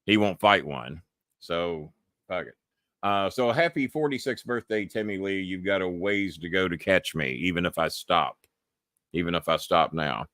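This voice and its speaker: A middle-aged American man with a lowish voice talks on his live show, loose and rambling, cursing bluntly as he drifts between topics. His voice is recorded up close in a dry, dead-sounding room. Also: animated, normal speed, fairly bright tone, no echo. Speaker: podcast host. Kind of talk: casual live-stream monologue.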